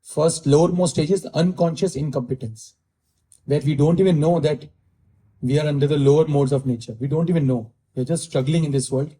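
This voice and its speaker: Giving a scripture lecture, this man speaks Indian English, circles back to key phrases and slips into Hindi now and then, as a spiritual teacher would in class. His voice is fairly high, steady and mellow, a bit fast, and the recording is rough.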